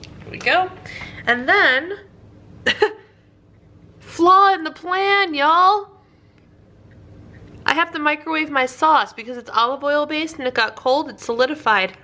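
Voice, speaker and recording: A home cooking vlogger with a high, pushed, bright voice talks slowly and pauses often while narrating a laid-back cook-along in her kitchen. She's upbeat and chatty and laughs off her slip-ups. The camera sits over the counter with her hands visible.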